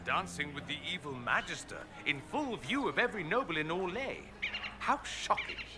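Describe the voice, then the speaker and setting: This fantasy RPG companion, a young noble mage, sounds theatrical and witty, his lively voice swooping with wry, teasing irony. He's on the high side at normal speed, with music and a noisy background beneath the dialogue.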